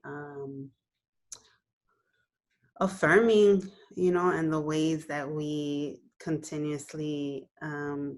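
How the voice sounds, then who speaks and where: A Puerto Rican-born woman in her thirties who grew up in New York City, a filmmaker, reflects on her film in a casual interview over a laptop webcam video call from her living room. Her voice sits low, she gestures with her hands, and she fills her answers with plenty of "you know"s and "um"s.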